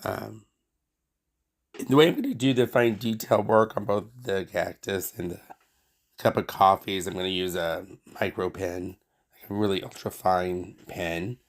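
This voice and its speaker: Congested man with a low, gravelly voice. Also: unhurried. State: sick with a cold or sinus infection, stuffy nose. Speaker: art tutorial host. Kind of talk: casual unscripted craft narration.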